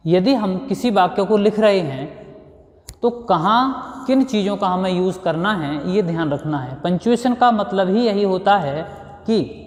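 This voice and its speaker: Indian guy teaching grammar to kids, slow and patient, highish voice, echoey classroom sound. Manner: patient, explanatory, repeats and restates points. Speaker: school teacher. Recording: echoey room with long reverb.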